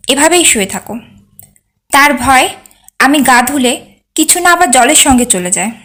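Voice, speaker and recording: A woman narrating an audiobook in a measured, unhurried literary reading. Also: high voice, fairly bright tone.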